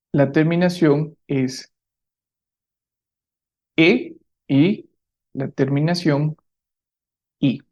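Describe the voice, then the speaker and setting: A man teaching a language lesson, modeling words slowly for learners and often checking in with a rising question. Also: a little high, darkish tone. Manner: slows down to model pronunciation. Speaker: Spanish teacher. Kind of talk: slow, clear language lesson.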